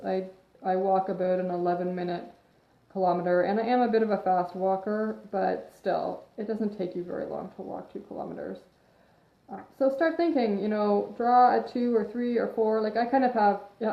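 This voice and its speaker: This fitness coach, a woman with a gravelly mid-range voice, is doing a live video where she mixes casual chat with an advice monologue. She rambles into tangents and sniffles a little due to allergies. Her phone or webcam stream sounds echoey, dull and lo-fi.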